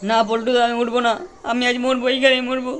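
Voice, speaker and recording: A man's voice: very high voice, fast talker, soft background music. A man voicing a hot-tempered, cursing young man in a cartoon comedy. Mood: excitable. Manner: excitable, cursing. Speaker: cartoon voice actor.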